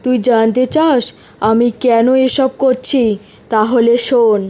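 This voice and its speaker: A woman voicing a spiteful old witch spirit in a cartoon, speaking slowly in a low, coaxing or commanding tone. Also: steady tone, mellow. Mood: furious. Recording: background music.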